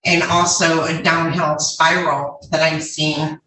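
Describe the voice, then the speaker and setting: A judge passing sentence in a courtroom, speaking in a firm, measured, formal manner. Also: mid-range voice, level tone, sharp tone, a little hiss or hum. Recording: roomy courtroom audio from far off.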